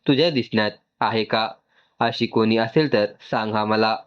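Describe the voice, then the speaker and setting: A man voicing a warm, teasing middle-aged mother in a read-aloud story. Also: on the low side, normal speed, smooth, dull audio, close to an everyday voice. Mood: affectionate. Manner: affectionate, teasing.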